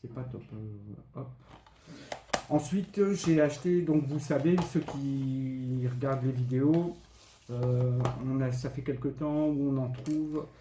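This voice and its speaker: A man's voice: medium pitch, measured pace. A man casually showing off retro video games he bought, listing the prices with lots of fillers. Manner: chatty, lists items and prices with many fillers. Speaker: retro game collector vlogger. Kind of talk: casual show-and-tell of purchases. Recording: echoey room, faint background noise.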